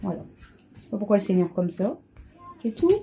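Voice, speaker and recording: Indoors at home, a woman vlogs about her purchases, naming each item as she unboxes it and using a sing-song voice with her pets. Her medium-pitched voice is very animated, brisk, creaky and warm. There's slight background noise.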